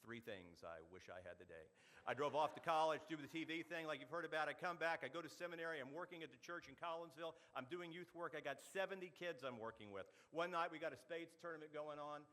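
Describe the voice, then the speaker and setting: Fast, bright-voiced storyteller man. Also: on the high side. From Oklahoma. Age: middle-aged. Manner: animated storyteller, quick delivery with punchy asides. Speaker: speaker at a club meeting. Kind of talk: storytelling speech. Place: meeting hall.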